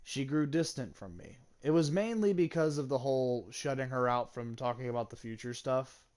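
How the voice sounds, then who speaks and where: A man's voice: medium pitch, moderate pace, darkish tone. Confessional young man telling a story. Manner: candid, confessional, swears freely. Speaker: gaming channel host. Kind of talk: personal storytelling.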